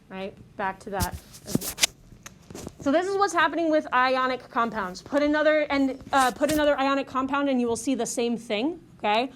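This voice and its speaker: A woman's voice: fairly high pitch, slight background noise. A woman teaching a chemistry class, explaining step by step and checking in with "okay?" and "right?" after nearly every point. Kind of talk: classroom lecture.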